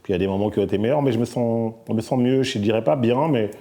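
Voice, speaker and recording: A middle-aged man from Belgium, answering interview questions in a soft-spoken, hesitant way with many fillers. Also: mid-range voice, rapid-fire. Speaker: musician guest.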